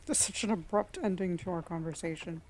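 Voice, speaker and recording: A woman's voice: on the low side, fairly even intonation, brisk, a little mellow, slight background noise. A woman hosting a let's play, chatting casually and musing aloud over the game. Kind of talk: casual gameplay commentary.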